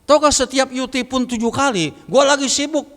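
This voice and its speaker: A man's voice: very high voice, lively intonation, fast talker, long reverb tail. A man voicing a brusque, annoyed male friend who scolds him on the phone. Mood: irritated. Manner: rude, dismissive.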